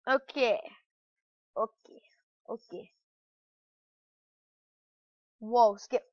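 A woman's voice: on the high side, moderate pace, dry recording. A woman playing a platform game and commentating casually, getting flustered and exclaiming at the game. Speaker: gamer. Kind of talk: let's play commentary. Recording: dull lo-fi dry recording.

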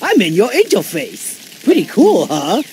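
A man's voice: high-pitched, huge pitch swings, unhurried, a little mellow, slight background noise, exaggerated voice. A man voicing a cheerful, clueless cartoon athlete with a goofy, naive, drawling delivery. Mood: cheerfully oblivious. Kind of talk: cartoon voice acting.

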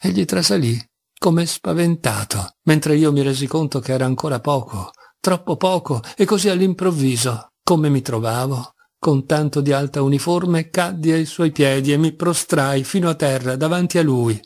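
A man reading a classic novel aloud as an audiobook, measured and expressive, with dramatic pauses. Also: fairly high pitch. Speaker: audiobook reader. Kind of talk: literary audiobook narration.

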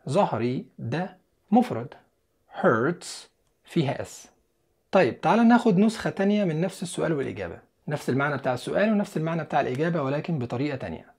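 An English teacher with an Egyptian Arabic accent leads a beginners' class in an animated, mid-range voice that rises and falls. He explains things in Egyptian Arabic and pronounces the English words and sentences slowly and clearly.

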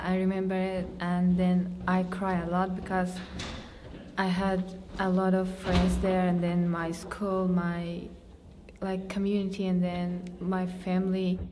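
Dark-voiced teen girl from Afghanistan. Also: lowish voice, long reverb tail, slight background noise. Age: teens. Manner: simple learner English, strung with "and then". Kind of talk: interview.

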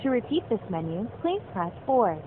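A woman's recorded phone menu message, a polite, measured scripted announcement for a customer service line. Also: on the high side, sing-song. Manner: polite, measured, evenly paced. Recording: tinny phone line with faint hiss.

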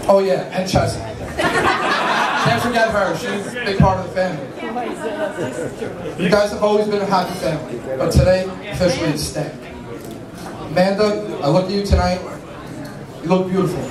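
A young male New Yorker in his 20s with a high voice gives a best man's toast at a wedding, nervous and informal, mixing a prepared speech with casual joking asides. His handheld mic feeds a PA in a large, crowded indoor reception venue, picked up by a distant camera. The hall sounds echoey and far off, with a loud crowd.

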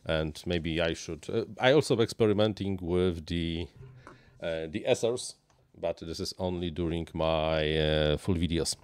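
With a deep, nasal, clean-toned voice, a man in his thirties improvises live-stream chat while building a model plane. He stalls often with uhs and restarts, and his phrasing is non-native. The recording is dry, made at a small indoor workshop desk on a close boom-arm dynamic mic, with headphones on.

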